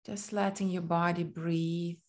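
In this body scan meditation, a fairly low-voiced woman speaks very slowly and gently, with little movement in her pitch. Short phrases are separated by long pauses, and the whole delivery remains soothing and unhurried.

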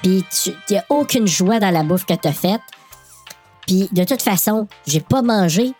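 A man's voice: high voice, animated, unhurried, darkish tone, faint music behind, pitched above the performer's own voice. A man voicing a defiant, hungry young woman diner with a Québécois accent, acting her lines casually with fillers.

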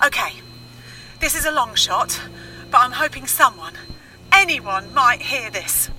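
Woman playing a chatty lonely survivor, 30s, very bright, lively pitch. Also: rough recording. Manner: chatty, giggly, rambling.

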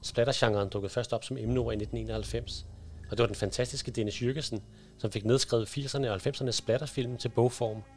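A man presenting a book and reading a horror excerpt aloud in a steady storytelling way, over background music. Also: medium pitch. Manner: steady storytelling narration, speeding up in action.

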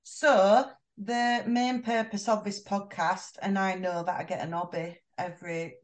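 An excitable, chatty woman in her thirties with a Yorkshire accent, hosting a podcast. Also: mid-range voice, unhurried. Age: 30s. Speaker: podcast host. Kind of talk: casual chat.

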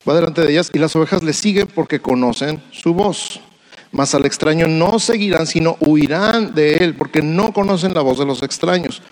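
A man's voice: on the high side, moderate pace, poor audio. A man preaching a sermon to pastors, repeating refrains and putting rhetorical questions to his listeners.

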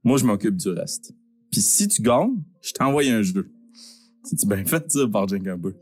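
Casting: male Québécois giveaway host, booming prize announcer, joking and casual, swooping intonation over background music. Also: very animated, normal speed, a little mellow, breathy edge. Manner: informal, joking, swearing. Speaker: host of a live-streamed prize draw. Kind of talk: animated live giveaway hosting.

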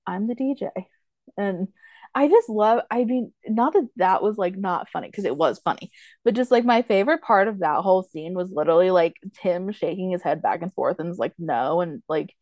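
Chatty woman with a mellow voice. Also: fairly low pitch, brisk, dry recording. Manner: chatty, many fillers, quotes characters with laughs. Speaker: podcast co-host. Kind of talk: casual chat recapping a TV show.

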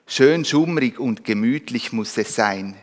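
A man voicing an owl who speaks softly about a dim cozy mood, in a reverberant hall. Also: mid-range voice, animated, a little slow, natural voice.

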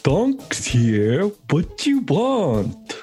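A man voicing a huge, dim-witted male orc who talks slowly in simple, broken sentences. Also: on the high side, wildly swooping pitch, warm tone, faint music behind, voice pushed up, full character voice. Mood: gruff. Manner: slow, simple broken speech.

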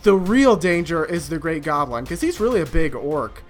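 A woman's voice: sits low, big pitch swings, moderate pace, faint music behind. A woman narrating a tabletop game as game master, often breaking into laughter.

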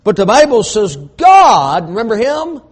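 A man preaching an emphatic sermon, repeating phrases and building to shouts. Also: high voice, big pitch swings, unhurried, husky. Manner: emphatic, rising to shouts, repetitive preaching cadence.

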